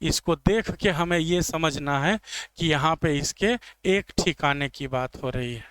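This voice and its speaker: A man's voice: on the high side, unhurried, fairly bright tone, dry recording. A man explaining English grammar in a classroom lecture, checking understanding step by step. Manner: explains step by step, asks students "clear?". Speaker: English teacher.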